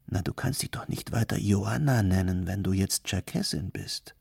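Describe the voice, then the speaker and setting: A man's voice: mid-range voice, very animated, normal speed, creaky, warm tone, husky, dry recording, studio quality, voice pushed up, exaggerated voice. A man voicing a teasing young servant woman who whispers, in a storybook reading.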